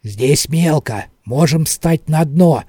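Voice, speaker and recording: A man voicing a cautious old fisherman who speaks slowly and in a hushed voice. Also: on the high side, animated, slightly rough, no echo, exaggerated voice. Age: older. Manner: slow, hushed, deliberate. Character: cautious old male fisherman, calm and wary.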